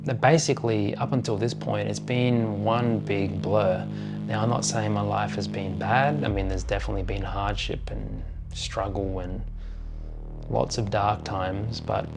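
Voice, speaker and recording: Man, forties, low gravelly voice, reflective vlog monologue over clear background music. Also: steady tone. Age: 40s. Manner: slow, thoughtful, pausing often. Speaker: vlogger.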